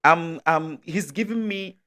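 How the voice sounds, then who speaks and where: A man's voice: a little high, measured pace, pushed and bright. A man with a Nigerian accent hosting a casual chat, emphatic and often laughing as he makes his points. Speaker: podcast host.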